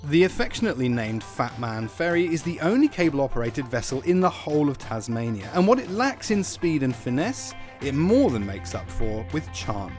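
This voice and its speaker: A man's voice: mid-range voice, sing-song, normal speed, hardly any pauses, darkish tone, faint music behind. A man with an Australian accent presenting a travel vlog, moving between narration and casual chat with a wry, jokey, understated humour.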